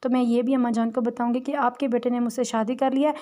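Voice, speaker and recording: A woman's voice: on the high side, little pitch movement, fast, dark tone, close to an everyday voice. Woman voicing a timid, stubborn young bride. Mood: pleading. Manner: stammering, pleading.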